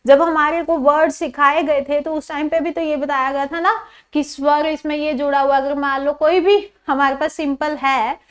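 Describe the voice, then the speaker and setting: A woman teacher giving a pronunciation lesson, quizzing her pupils and drawing out each example sound. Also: high-pitched. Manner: repetitive, drawn-out example sounds and questions to pupils. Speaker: English teacher.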